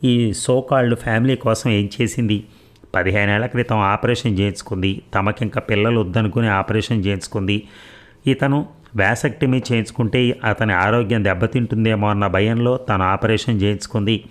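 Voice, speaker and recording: Low-voiced man reading a story slowly. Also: steady tone. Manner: slow deliberate reading with dramatic pauses. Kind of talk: audiobook narration of a short story.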